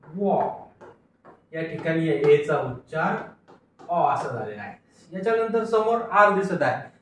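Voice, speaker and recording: Sounding out and repeating words in a phonics drill, this man poses questions and then answers them himself. His fairly high, fairly bright voice is expressive and unhurried, ringing in a strongly echoing room as a distant mic picks it up along with a little hiss or hum.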